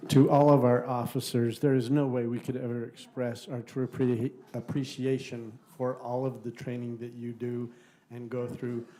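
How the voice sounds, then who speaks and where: A man on the council giving earnest, measured thanks to police officers. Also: medium pitch, level tone, background noise. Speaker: council member. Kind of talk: formal thank-you remarks. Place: council meeting room.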